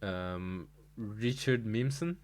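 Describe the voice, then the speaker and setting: Laid-back low-voiced man streaming. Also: takes it slowly. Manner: laid-back, laughs often. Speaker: stream host. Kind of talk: casual livestream chat.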